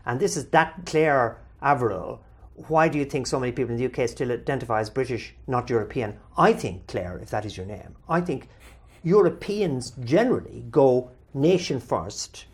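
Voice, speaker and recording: An Irish man hosts a conversational discussion and takes questions from viewers. His medium-pitched delivery is measured yet lively, and he draws out words for emphasis.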